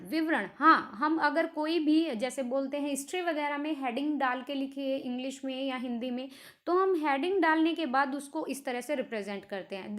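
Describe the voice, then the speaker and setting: A woman teaching a grammar lesson for exam preparation, explaining step by step and mixing English words into her talk. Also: sits high.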